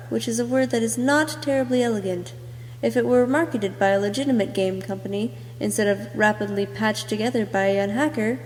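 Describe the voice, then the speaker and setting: An amateur voice actor making a reel, a woman reads scripted character narration written in the second person. Her voice is slightly high with a darkish tone, and a long, hollow reverb hangs on the recording.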